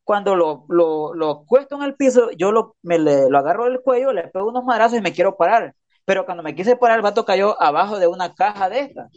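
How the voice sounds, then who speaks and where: A man rattles off a story at a quick clip, packed with slang and punchy sound effects. The sound is a little dull and lo-fi. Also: high voice, animated. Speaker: podcast guest, prisoner. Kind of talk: casual storytelling interview.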